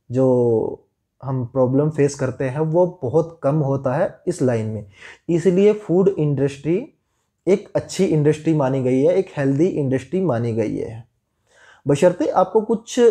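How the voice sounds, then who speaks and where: Man explaining with a mellow voice. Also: a little high. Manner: steady, instructive, listing items. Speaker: restaurant equipment seller. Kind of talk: explainer video to camera. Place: small indoor room. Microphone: lapel mic.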